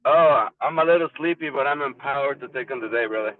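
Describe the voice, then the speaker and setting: A support group member from Mexico calls in over a car speakerphone while driving, telling a casual personal story in a candid, loose way. He talks quickly in a mid-range voice, and the dry recording has a tinny phone-line sound from a distant mic in the car.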